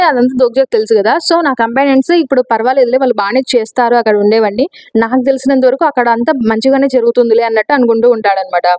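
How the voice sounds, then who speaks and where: A woman's voice: high voice, a little mellow, no room sound, clean studio sound. A woman retelling a comic story in a casual, chatty way, quoting the characters' lines as she goes. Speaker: manhwa recap narrator.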